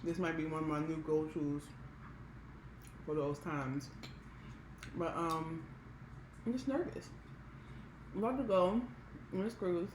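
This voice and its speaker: A woman's voice: deep voice, a little slow, long pauses. A woman with an American accent chatting casually and candidly to viewers as a vlogger, with an emphatic way of talking. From Maryland, United States. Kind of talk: casual mukbang chat to viewers. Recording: roomy echo with background hiss.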